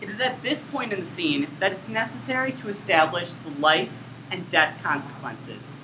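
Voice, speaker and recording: A man performing a comedy skit, giving deadpan mock-instructional narration. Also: sits high, normal speed. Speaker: student performer. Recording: roomy, noisy room.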